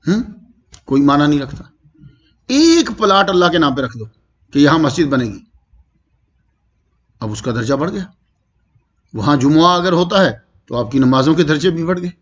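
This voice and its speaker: A man gives a Quranic commentary lesson in a high, animated voice that swings widely in pitch. He recites verses slowly and drawn out, then explains them and checks with his listeners. The recording sounds dull and lo-fi. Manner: asks the listeners questions as he explains. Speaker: Quran teacher.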